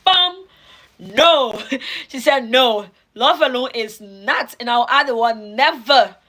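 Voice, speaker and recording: A woman's voice: fairly high pitch, takes it slowly, bright, forceful tone, poor audio. A young woman hosting a casual livestream, reading out viewer comments in a bubbly way, laughing often and repeating words for emphasis. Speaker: livestream host.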